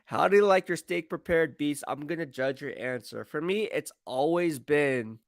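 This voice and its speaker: A sports streamer and football commentator from the San Francisco Bay Area chats casually on a live stream, answering viewer comments. His fairly high voice has a gravelly edge and normal speed, recorded dry and close with no room sound. He is slangy and emphatic, rambling, repeating himself and circling back to his points.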